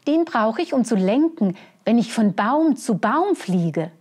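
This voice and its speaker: A woman's voice: fairly high pitch, sing-song, unhurried, a little mellow, pitched above the performer's own voice. A woman reading a children's picture book aloud, voicing an eager squirrel who likes to show off. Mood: eager, proud. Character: excitable squirrel, eager playmate, proud of its tail.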